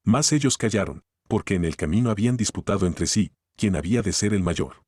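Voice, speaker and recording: A man reading the Bible aloud in a steady, measured way, phrase by phrase. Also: lowish voice, slightly rough, no room sound, clean studio sound. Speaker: Bible reader.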